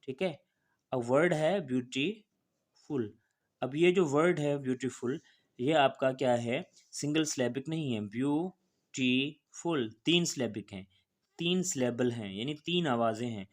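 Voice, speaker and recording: A man's voice: mid-range voice, normal speed. A man teaching a grammar lesson in a patient, repetitive way, spelling words out letter by letter and often checking in with the listener. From Pakistan.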